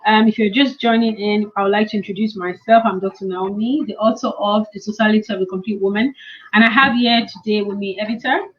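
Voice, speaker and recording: A woman's voice: mid-range voice, steady tone, fast talker. Encouraging woman host, lo-fi sound. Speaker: host and author. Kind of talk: online event chat.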